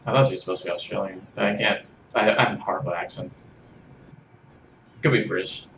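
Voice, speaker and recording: A man's voice: sits low, brisk, fairly bright tone, distant mic, slight background noise. A man streaming a video game, chatting casually with jokes and self-deprecating asides. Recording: roomy room, faint game music.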